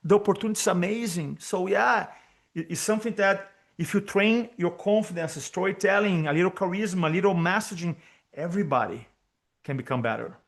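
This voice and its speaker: His voice sits high, moves a little fast, and has a creaky quality. He's a Brazilian man, Portuguese as his first language and a Brazilian Portuguese accent, giving an energetic video call interview as a speaking coach and repeating key ideas for emphasis.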